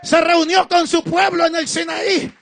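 A man preaching an impassioned sermon as pastor, shouting emphatic, repeated refrains. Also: very high-pitched, little pitch movement, a little slow, vocal fry.

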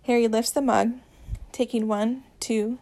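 Woman, audiobook narrator, romance story, gentle even reading, gravelly voice. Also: a little high, a little slow.

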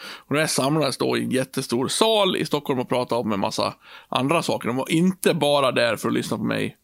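A man co-hosting a podcast, telling a story in a lively, casual way and swearing freely. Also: medium pitch, creaky, no echo, clean studio sound. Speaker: podcast co-host. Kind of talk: casual chat.

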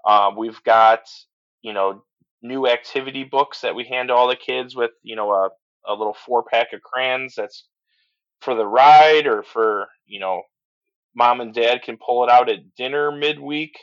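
A middle-aged man who owns a transport business chats as a podcast guest in a casual interview, enthusiastic and full of restarts and "you know"s. His voice is medium in pitch and a little slow, captured on slightly dull lo-fi audio.

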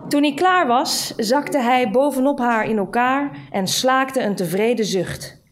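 A woman reading a literary short story aloud in a measured, dry storytelling manner. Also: high voice, slight background noise. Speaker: reader.

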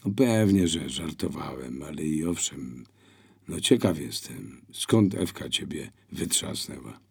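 A man's voice: very deep voice, expressive, measured pace, creaky, slightly rough, exaggerated voice. Man reading a blind, teasing brother. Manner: teasing, wry.

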